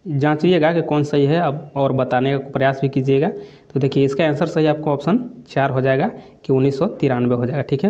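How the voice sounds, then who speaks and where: A man's voice: medium pitch, mellow, highs cut off. A man going through exam quiz questions as a coaching teacher, repeating each answer and adding "theek hai" as a filler. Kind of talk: quiz lesson walkthrough.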